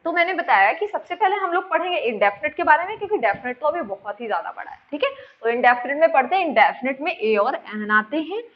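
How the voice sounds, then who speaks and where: A woman's voice: sits high, very animated, quick pace. A woman teacher explaining grammar in a lesson, repeating points and quizzing her students with questions. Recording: dull lo-fi sound.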